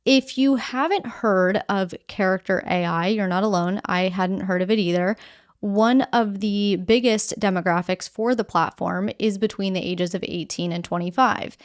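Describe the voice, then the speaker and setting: A woman's voice: mid-range voice, moderate pace. A woman hosting a news podcast, explaining the day's stories in a conversational, direct way and walking through them step by step.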